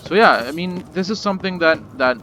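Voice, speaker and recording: A man's voice: high voice, lively intonation, brisk, pushed and bright. A man hosting a gaming channel, talking casually over gameplay footage with lots of fillers and a mildly sarcastic edge.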